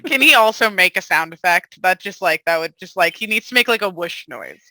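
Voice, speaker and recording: A young woman playing in a tabletop role-playing game, chatty and lively, with many fillers. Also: fairly low pitch, a little fast, dry recording, rough recording. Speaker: player. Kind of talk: tabletop role-play, casual chat.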